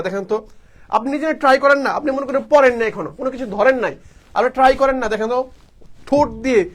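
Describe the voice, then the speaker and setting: A man teaching a live online admission-test class, asking questions and answering them himself over and over. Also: extremely high pitch. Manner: repetitive call-and-response teaching, asks and answers himself.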